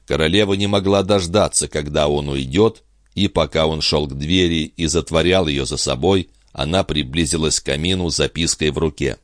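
Deep, expressive male reader with a dry, close sound. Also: moderate pace, no room sound. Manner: expressive, dramatic. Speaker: audiobook reader. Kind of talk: audiobook narration.

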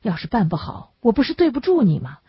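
A woman's voice: on the high side, huge pitch swings, fast talker, slightly rough, dry recording, pitched above the performer's own voice, exaggerated voice. Plain-spoken laborer man, read by a woman. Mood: coaxing. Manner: plain, colloquial, muttering asides. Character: poor laborer man, blunt then kindly. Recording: dull lo-fi dry recording.

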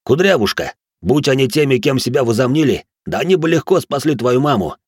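A man's voice: medium pitch, animated, fairly quick, husky, no echo, clean studio sound, pitched above the performer's own voice. A man voicing a blunt male ex-soldier who speaks in a mocking, slangy way.

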